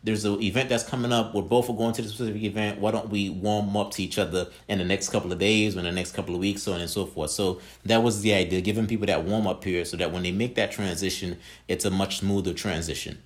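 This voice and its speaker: Middle-aged man from Haiti, quick and lowish, formal, leans on stock phrases in interview answers. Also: fairly even intonation. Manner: formal, repeats "that specific" and "kinda just". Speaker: entrepreneur guest.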